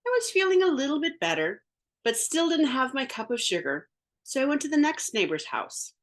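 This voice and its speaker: High, lively woman reading a storybook aloud. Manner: playful, theatrical, with sound effects and drawn-out words. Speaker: storybook reader. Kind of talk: expressive picture-book read-aloud in first-person wolf voice.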